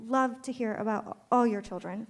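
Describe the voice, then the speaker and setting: A woman's voice: a little high, normal speed, slight background noise. A woman speaking as a panelist at a live podcast taping, making her point emphatically through rhetorical questions and frequent fillers. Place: conference stage before an audience.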